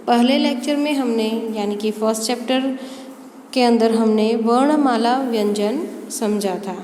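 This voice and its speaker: Slow-talking woman teacher in echoey room. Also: a little high, darkish tone. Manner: slow, spelling out letters one by one with pauses. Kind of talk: online class lecture. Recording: echoey room with long reverb, faint hum.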